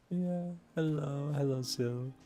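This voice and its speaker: A man's voice: a little high, warm tone. A man whose first language is Turkish, chatting casually with viewers while streaming a game and musing aloud.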